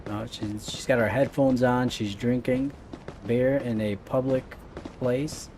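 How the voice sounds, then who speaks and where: A man's voice: medium pitch, steady tone, a little slow, a little mellow, a little hiss or hum. A man giving casual let's-play commentary as the host of a gaming video, with game ambience behind him.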